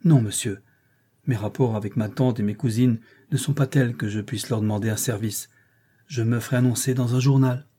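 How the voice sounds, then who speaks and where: A man's voice: mid-range voice, fairly even intonation, normal speed, mellow, breathy edge, natural voice. A man reading a reserved young governess. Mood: firm. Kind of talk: audiobook reading.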